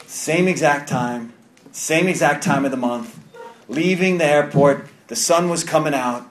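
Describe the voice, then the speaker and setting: His voice sits a little high and moves a little slowly, echoing around the meeting room. He's a man in his thirties with a New York accent, telling his story earnestly to a recovery group and frequently circling back to repeat or restart phrases.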